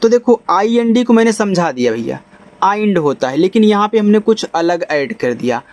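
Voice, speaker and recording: Brief: male phonics teacher, high voice, patient step-by-step explaining, slow spelling. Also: sing-song, darkish tone. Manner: explains step by step, spells letters out slowly, repeats and asks the class questions. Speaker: English teacher. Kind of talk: spoken phonics lesson.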